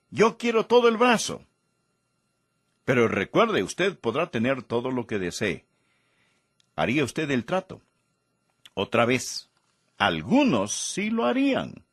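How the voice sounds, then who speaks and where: A man's voice: on the high side, a bit bright, breathy edge, no room sound, clean studio sound. A man preaching a sermon in an emphatic delivery, rising and falling for stress.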